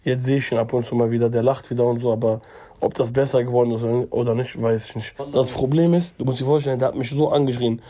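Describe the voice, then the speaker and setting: Young man, husky mellow voice, casual chatty storyteller to camera. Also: mid-range voice, steady tone, fast. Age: 20s. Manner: chatty, addresses viewers as guys, fills with "ne?". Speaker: YouTuber telling a story.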